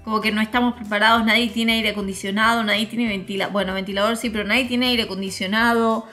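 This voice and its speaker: A young woman with an Argentine Spanish accent, telling a story to her viewers in a casual, slangy and animated way. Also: medium pitch, fast talker, faint music behind. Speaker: vlogger.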